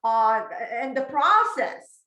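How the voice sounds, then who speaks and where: A woman's voice: high voice, sing-song, slow pace, bright, forceful tone, reverberant, rough recording. A woman hosting a casual interview, laughing often and asking questions with many restarts. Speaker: podcast host.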